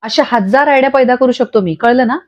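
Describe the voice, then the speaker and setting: A woman's voice: on the high side, fairly quick, lightly acted. Woman reading a fierce man firing back scornful lines, lo-fi audio. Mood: defiant. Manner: cutting, scornful comebacks. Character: defiant angry man, sharp-tongued and scornful. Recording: dull lo-fi audio.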